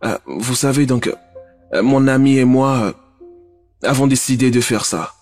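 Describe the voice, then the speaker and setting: An actor playing a nervous, apologetic grown son, in a French-dubbed film drama, hesitant with many fillers. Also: male voice, mid-range voice, moderate pace, a little mellow, faint music behind, natural voice. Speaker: son who faked his own kidnapping.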